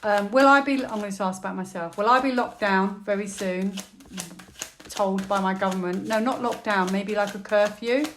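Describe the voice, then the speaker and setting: Woman, tarot vlogger: chatty and thinks out loud, prone to excited squeals. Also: mid-range voice, moderate pace, a little hiss or hum. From United Kingdom. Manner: chatty, thinks aloud while drawing cards, with frequent fillers; bursts into excited squeals and laughter. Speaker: tarot reader. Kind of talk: tarot reading vlog.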